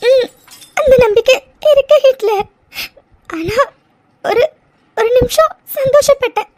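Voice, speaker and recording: A woman's voice: very high-pitched, dark tone, dry recording. A woman voicing a young cartoon wife who sobs and stammers as she speaks of longing for a baby. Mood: tearful. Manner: sobbing, halting speech. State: crying. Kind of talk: cartoon voice acting.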